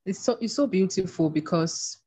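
A woman with a somewhat low voice speaks earnestly and in a measured way, working through her thoughts in an interview. Her delivery is steady and reflective. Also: slightly rough. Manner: earnest, measured, faith-based. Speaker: guest.

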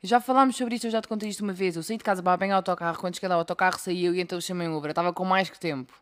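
A young woman with a European Portuguese accent, co-hosting a casual podcast and telling stories in an animated way, acting out the voices she quotes. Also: fairly low pitch, very fast. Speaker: podcast co-host. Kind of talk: casual chat.

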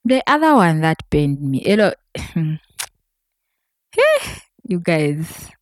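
A woman tells a story in a casual, chatty way. She talks straight to her viewers. Her voice sits low, and the recording is close and dry. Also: takes it slowly, dry recording. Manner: chatty, addresses viewers directly, animated. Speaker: vlogger.

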